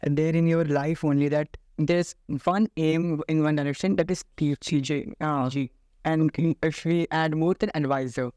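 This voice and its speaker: Clear-voiced young Indian man, slightly high. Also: steady tone, measured pace, darkish tone, no echo. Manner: deferential, hesitant, says "sir" and "you know" often. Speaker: podcast interviewer. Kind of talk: casual interview questioning.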